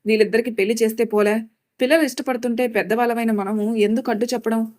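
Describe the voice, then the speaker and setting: A woman's voice: on the high side, fairly even intonation, fast, natural voice. A woman voicing a good-natured older village man who blesses the young couple in a storybook reading. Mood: kindly. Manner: warm, easygoing, reassuring.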